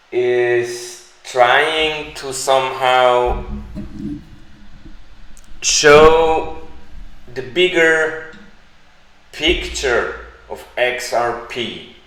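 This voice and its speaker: A man who is not a native English speaker, hosting a live stream Q&A and answering viewers in a slow, deliberate, halting way. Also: mid-range voice, a bit bright. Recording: echoey room.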